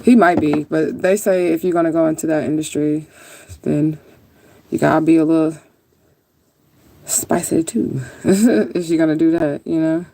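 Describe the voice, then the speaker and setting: A woman with a low, warm voice and fairly even intonation chats on a livestream at normal speed, leaving long pauses. She responds to viewers in a rambling, laid-back, sometimes profane manner. There's slight background noise.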